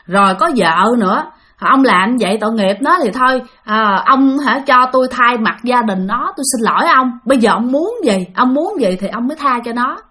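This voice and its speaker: A patient, coaxing older male exorcist, as a woman storyteller puts him on, bargaining gently with a spirit. The voice stays bright and a little high, close to the teller's own. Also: animated, normal speed.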